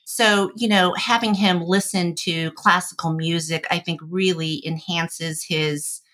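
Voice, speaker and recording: A middle-aged woman from Indonesia, a podcast guest talking in an animated, chatty way and laughing easily. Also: lowish voice, unhurried. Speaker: podcast guest, architecture firm executive. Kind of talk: conversational interview.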